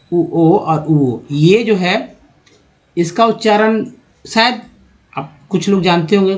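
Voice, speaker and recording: A man giving a spoken lesson on English spelling and pronunciation, who keeps asking rhetorical questions and answering them, and who repeats the sounds slowly. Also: a little high, a little mellow. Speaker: English teacher. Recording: dull lo-fi recording.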